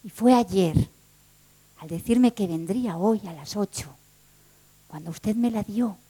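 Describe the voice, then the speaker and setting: A woman playing a soft-spoken male clerk. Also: husky, rough recording. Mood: tender. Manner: low, soft, slow and hushed. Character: gentle male clerk, quiet and tender.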